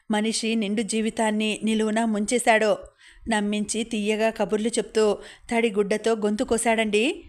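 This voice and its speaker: A woman's voice: medium pitch, natural voice. A woman reading a bitter old village man. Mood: indignant. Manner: bitter, indignant complaining. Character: angry aggrieved older village man.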